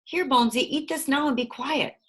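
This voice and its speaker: A woman's voice: sits high, a little fast, voice pushed up, natural voice. A woman voicing a shy young orphan girl in a storybook reading, in a raised, pleading voice. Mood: coaxing.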